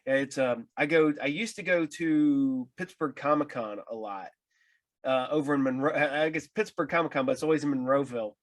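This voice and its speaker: A man's voice: medium pitch, fairly quick. An American man chatting casually as an interviewer, telling anecdotes in a loose, rambling way. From Ohio, United States.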